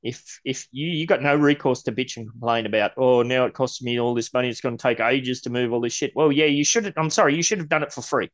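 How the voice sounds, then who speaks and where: A man co-hosting a casual podcast and venting in a blunt, sweary rant. His voice sits at a middling pitch for a man, and a slight lisp creeps in now and then as he gets heated. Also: quick pace, few pauses. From Australia. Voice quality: occasional lisp when ranting. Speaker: podcast co-host. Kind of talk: casual ranting chat.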